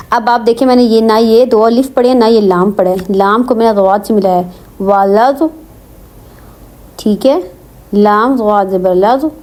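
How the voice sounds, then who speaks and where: Woman Quran tutor, slightly high, mellow tone; slow spelled-out recitation with quick chatty asides. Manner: spells letters slowly, then blends syllables in drawn-out recitation; says "theek hai" often, explains in quick casual asides. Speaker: Quran reading teacher.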